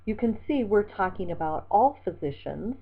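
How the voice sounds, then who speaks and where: A woman instructor giving a recorded lecture over slides, in a measured, methodical way, reading out word lists. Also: mid-range voice, lively intonation, breathy edge. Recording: tinny phone-like lecture recording.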